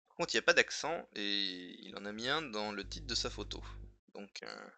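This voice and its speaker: A man's voice: lowish voice, animated, normal speed, creaky, sharp tone. A man on a casual live stream thinking aloud as he edits a dictionary wiki. He mutters and repeats words to himself while he works and chats to his viewers in between.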